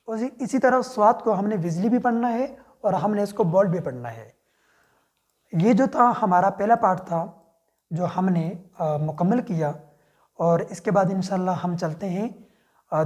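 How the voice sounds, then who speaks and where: This is a man giving a screen-share lesson, talking at an unhurried, slow pace. His voice is soft and mellow, and he explains each step patiently. He drops English words in among the rest. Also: high voice. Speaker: Quran reading teacher.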